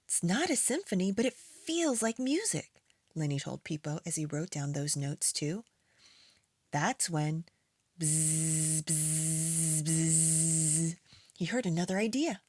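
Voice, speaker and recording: A woman reading aloud to young children as a preschool storytime host, in an expressive storytime voice. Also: lowish voice, breathy edge, no room sound. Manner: storytime voice, slow and expressive with acted animal and object sounds.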